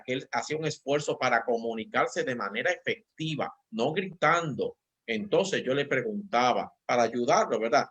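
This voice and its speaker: Calm man pastor telling parenting stories. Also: mid-range voice, slightly rough, muffled recording. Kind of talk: church talk show discussion.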